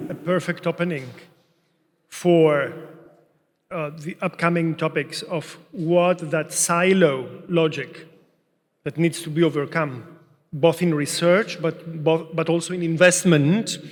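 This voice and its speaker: A man moderates a conference panel in measured, somewhat hesitant phrases. His voice sits a little above the usual male pitch. A long hall reverb trails after his words.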